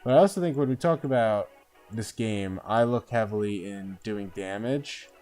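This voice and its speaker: Smooth low-voiced man streaming a game. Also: moderate pace, a little mellow, faint music behind. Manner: chatty, thinking aloud with many "uh" and "right?". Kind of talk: casual live gameplay commentary.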